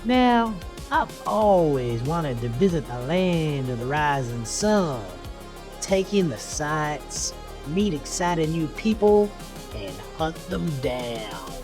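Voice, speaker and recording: Uncle Henley, a slow, gleeful horror host. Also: male voice, a little high, sing-song, over music. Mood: sinister glee. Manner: hammy, drawn-out, folksy drawl with cackles. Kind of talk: theatrical 80s horror-host introduction.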